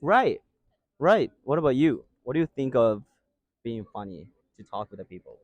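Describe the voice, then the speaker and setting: Male interviewer, chatty and animated, lots of agreeing murmurs, dry mic. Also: mid-range voice, normal speed, no echo, lo-fi sound. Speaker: street interviewer. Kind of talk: casual interview.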